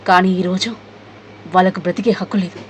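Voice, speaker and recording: A bloodied young gang leader refuses to fall, his words coming weak, slow and steady, as a woman reads him in a storybook. The voice sits a little lower than the narration, with faint hiss behind it. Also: natural voice. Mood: weak defiance. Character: wounded fierce young male gang leader.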